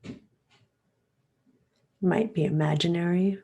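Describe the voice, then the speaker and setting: With a lowish, slightly rough voice, a woman leads listeners through a meditation. She keeps it soft, soothing and slow, pausing at length and breathing at the close of her phrases.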